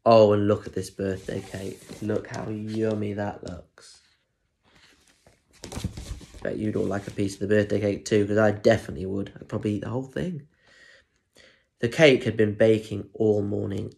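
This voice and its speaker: Fairly low and slightly mellow, with vocal fry and little pitch movement, the voice of a twenty-something British story reader moves unhurriedly through a children's tale. He keeps it playful with asides and questions for young listeners, recorded at home in a plain room on a phone or tablet held at arm's length.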